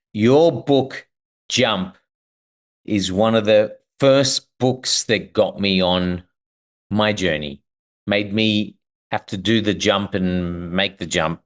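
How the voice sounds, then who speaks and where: A man hosting a podcast, moving between casual chat and scripted reading. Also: on the low side. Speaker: podcast host.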